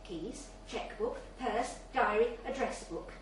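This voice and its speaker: A woman with a slightly high voice reads slowly at a live short story event held in a bar, delivering scripted literary narration. The room is very echoey, the mic distant, and there's faint noise.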